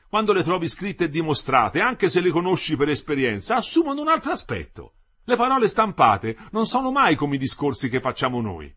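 A man reading as an eager husky young socialist worker. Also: high-pitched, voice pushed up, heavily acted. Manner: excited, explaining and insisting. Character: bricklayer man, eager self-taught socialist. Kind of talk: audiobook reading.

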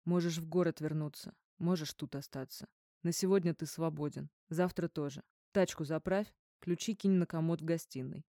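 A woman's voice: low voice, fairly even intonation, normal speed, dark tone, dry recording, studio quality. A woman voicing a drunk, jealous man who barks threats in an audiobook. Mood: curt. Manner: barking, threatening.

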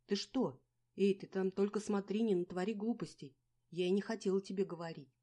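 A woman reading a storybook aloud, voicing a blunt, protective young woman friend who scolds loudly. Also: mid-range voice, steady tone, brisk, voice pushed up, natural voice. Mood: anxious. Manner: loud and scolding.

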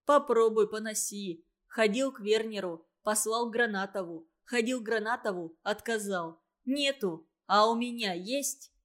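A woman's voice: mid-range voice, unhurried, few pauses, natural voice. A woman voicing a cheerful, bluff young male worker who coaxes his mates in an audiobook reading. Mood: wry.

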